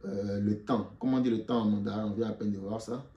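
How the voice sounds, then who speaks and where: A man's voice: lowish voice, fairly even intonation, quick pace, warm tone, reverberant, lo-fi sound. A man giving an online Mandarin lesson in French, patiently repeating each word for learners to say after him. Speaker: Mandarin teacher.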